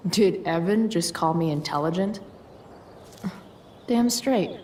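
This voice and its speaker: Rebellious teenage girl, sarcastic, video game, unhurried, low-pitched, faint noise behind. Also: dark tone. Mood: teasing. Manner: sarcastic, slouchy, casual slang.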